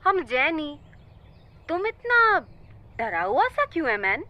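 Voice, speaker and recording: Horror audio drama: woman as a breezy young woman on the phone, high, bright, muffled line. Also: very animated, slow, exaggerated voice. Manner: careless, mixes English in. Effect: phone call.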